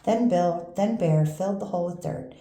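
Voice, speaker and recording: An older woman, a grandmother, reading a children's picture book aloud in a gentle, unhurried storytelling manner. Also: lowish voice, vocal fry. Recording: roomy echo with faint background noise.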